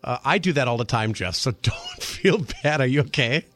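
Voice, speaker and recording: A man's voice: mid-range voice, animated, moderate pace, a bit bright, soft background music. A man co-hosting a radio talk show, teasing his guests and laughing easily as he introduces them. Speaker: radio co-host. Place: radio studio. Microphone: studio microphone.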